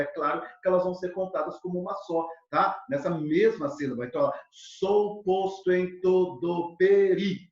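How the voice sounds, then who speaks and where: A male literature teacher gives a lively exam-prep lesson, full of fillers and speaking straight to his students. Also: fairly high pitch. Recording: echoey, dull lo-fi room sound.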